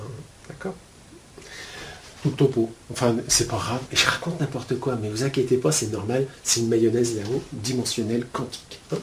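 A man teaching spiritual ideas to his viewers in a casual, colloquial way, with a steady stream of "hein" and "euh". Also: mid-range voice, a little hiss or hum. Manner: chatty, explains with homely metaphors.

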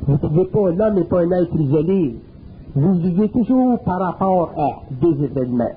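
A man with a Quebec French accent gives a spiritual talk in a high voice, colloquial and earthy. He drives his points home with emphasis. The recording is narrow and phone-like, with a faint hiss. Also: expressive, moderate pace. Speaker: speaker. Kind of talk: spiritual lecture. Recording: narrow phone-like old tape.

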